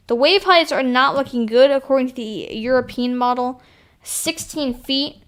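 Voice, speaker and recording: A woman's voice: high-pitched, normal speed, clean tone. A woman hosting a live storm stream, giving weather commentary in a hesitant, self-correcting way. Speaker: host of storm livestream.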